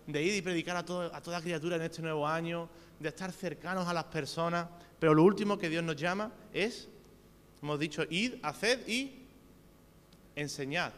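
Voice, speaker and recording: Spanish preacher in a reverberant hall. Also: male voice, fairly high pitch, fairly bright tone. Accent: Spain Spanish. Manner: earnest, addresses listeners directly with rhetorical questions. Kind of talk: sermon. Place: church hall. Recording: reverberant hall with faint hum.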